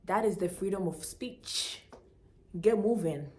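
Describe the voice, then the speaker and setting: A young woman with a Ghanaian accent tells a story to camera in an emphatic, animated way, mixing local slang into her talk. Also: medium pitch, a little slow. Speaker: vlogger.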